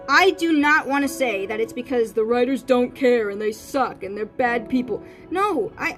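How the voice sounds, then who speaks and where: Woman streamer, rambling casual chat, fairly high voice, music playing behind. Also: rough recording. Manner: rambling, thinking aloud with many fillers. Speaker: art streamer. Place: her room.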